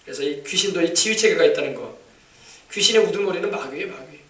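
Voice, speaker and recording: Fast, high-voiced preacher in an echoey church. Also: male voice, expressive. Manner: emphatic, calls for congregation replies; shouts commands at demons. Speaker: pastor. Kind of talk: sermon on casting out demons. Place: church sanctuary. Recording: echoey church, mic from a distance.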